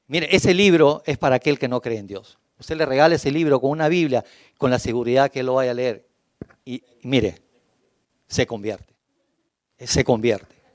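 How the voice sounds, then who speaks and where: A man's voice: medium pitch, brisk, no room sound. A man with a Peruvian Spanish accent preaching a sermon as pastor, emphatic and building through long lists. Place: church.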